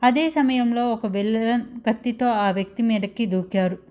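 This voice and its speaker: A woman's voice: fairly high pitch, unhurried, warm tone. A woman narrating a dramatic love story in a scripted storytelling style.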